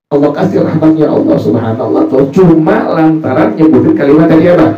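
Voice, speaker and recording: A male religious teacher with a slightly high voice delivers an informal study sermon at a brisk pace in an echoey hall. He jokes around, posing questions to the audience and answering them himself. The recording sounds roomy, distant and muffled, with faint music behind him.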